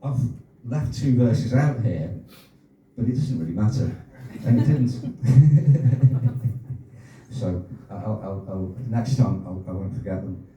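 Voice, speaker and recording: A man in his sixties performing his own rhyming poems at an open-mic night, with halting, chatty asides between pieces and casual swearing. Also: fairly low pitch, warm tone. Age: 60s. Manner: rhythmic rhyming delivery, hesitant rambling asides, swears. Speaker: performance poet. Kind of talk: live poetry reading with chatty asides. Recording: very echoey room, distant, faint noise.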